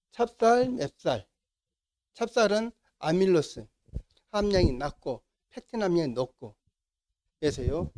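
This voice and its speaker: A middle-aged man with a Jeolla Korean accent lectures to a class, his voice sitting a little high for a man. He keeps asking the room questions and then answering them himself, as an instructor walking students through the material. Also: dark tone.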